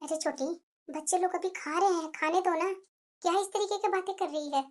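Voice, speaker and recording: A woman's voice: very high-pitched, steady tone, fairly quick, pitched below the performer's own voice. Woman voicing a caring elder daughter-in-law. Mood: stern. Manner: earnest, scolding, soothing. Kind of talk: animated story voice acting.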